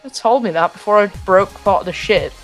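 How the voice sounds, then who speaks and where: A young man with a high voice chats casually through a co-op game. He is playful and jokes in a deadpan way, with faint music behind him. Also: a little fast. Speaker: co-op gaming partner. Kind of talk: casual game chat commentary.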